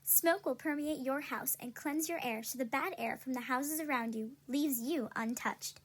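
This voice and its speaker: A woman playing an upbeat, salesy pitchwoman in a parody pharmaceutical ad, persuasive and scripted. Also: moderate pace. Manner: salesy, persuasive announcer delivery. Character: upbeat 17th-century female drug-commercial pitchwoman selling cures.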